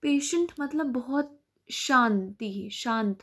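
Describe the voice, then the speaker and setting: A woman teacher, reading a story aloud slowly and then explaining it patiently to children. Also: fairly high pitch, animated, fairly bright tone. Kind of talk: explaining an English lesson in Hindi.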